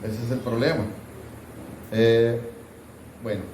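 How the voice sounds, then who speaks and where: A man's voice: medium pitch, fairly even intonation, slow pace, darkish tone, slight background noise. Man, pastor, Sunday school class, conversational, quizzing students, echoey room, distant mic. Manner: conversational, asks the class questions, mock scolding asides. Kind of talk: interactive Bible class teaching. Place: church classroom. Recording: roomy church hall, voice from off-mic.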